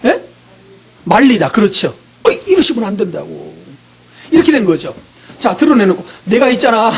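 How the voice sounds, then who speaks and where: Husky middle-aged pastor guy, high voice, keeps firing questions at the congregation. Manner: quizzes the congregation with quick questions, teasing. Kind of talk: interactive sermon.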